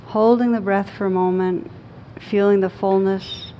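A meditation teacher guides a live group session in a room, her delivery slow, calm and soothing with long pauses. The recording is dull and lo-fi, with rumbling noise.

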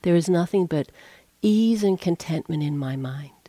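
A calm former king turned monk speaks earnestly of his old fears and his new peace, as a woman teacher puts him on. His voice sits low and mellow, recorded close and dry with no room around it. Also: moderate pace, no room sound, close to an everyday voice.

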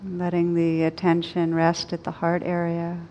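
Speaking low and with great evenness, a woman leads a guided meditation, offering calm, unhurried instructions and letting long silences fall between phrases. She is a meditation teacher, captured on a dull lo-fi recording over a rumbling background.

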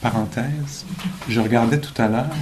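A man giving a dharma talk at a meditation retreat, thoughtful and gently joking, pausing often with fillers. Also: mid-range voice, a little hiss or hum, low-quality recording. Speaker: meditation teacher.

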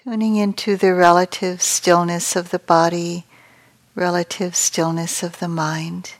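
In a poorly recorded clip, a woman meditation teacher with a lowish voice guides a meditation. Her delivery is flat, gentle and slow with long pauses, and her soft voice becomes breathy at phrase endings.

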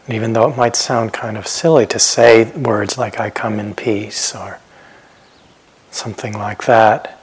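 At a meditation retreat center, a male teacher guides a meditation, speaking gently and without hurry, pausing often and letting phrases trail off softly. His husky voice sits fairly low and stays fairly even in intonation.

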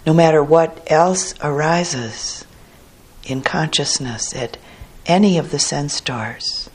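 The speaker is a woman teaching guided meditation; her voice is husky and low, and she delivers short phrases gently and evenly, pausing in between.

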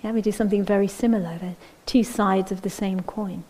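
A woman meditation teacher speaks in a mellow, warm-toned voice at an everyday pitch. She gives a gentle, unhurried dharma talk, often checking in with a soft "yeah?". At times her voice drops to a breathy near-whisper. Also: fairly even intonation, low-quality recording.

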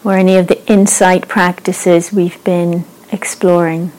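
A woman leads a guided meditation in a mellow, warm voice. She speaks slowly and gently, leaving long pauses between phrases, and her pitch stays even and flat throughout. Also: poor audio. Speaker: meditation teacher.

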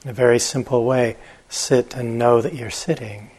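A meditation teacher talks his listeners through a guided practice, gentle and unhurried, with long silences between instructions. His husky voice is mid-range and his tone stays steady.

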